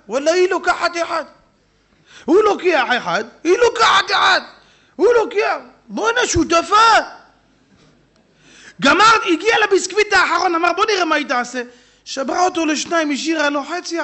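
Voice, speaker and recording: A rabbi preaching a humorous sermon, talking straight to his listeners and jumping into shouted asides. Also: very high-pitched. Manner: animated, jumps into shouted asides and quick put-on voices; humorous, talks straight to the audience. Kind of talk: sermon with storytelling. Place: synagogue hall.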